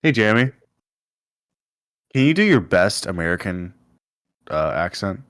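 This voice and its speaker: A man's voice: low-pitched, very animated, a little slow, a bit bright, smooth. A man in casual chat, joking and laughing as he talks. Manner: joking, laughs while talking.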